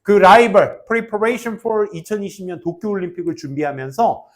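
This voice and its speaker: A man teaching an English class to high school students, mixing grammar explanations with jokes and teasing. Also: moderate pace. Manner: animated, jokey, teasing students between grammar points. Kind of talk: classroom lecture with banter.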